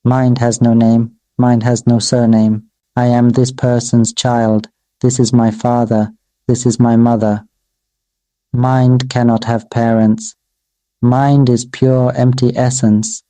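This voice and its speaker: Recorded close and dry with no room echo, the sermon comes from a Buddhist monk whose very dark, mellow voice holds a level tone, hardly changing in pitch. He chants out slow, measured, repeated phrases on the dharma and calls his own voice "Mister Voice."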